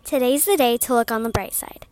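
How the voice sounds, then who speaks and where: Woman, slightly high pitch, school announcer, reading scripted morning announcements. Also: brisk, darkish tone, slight background noise.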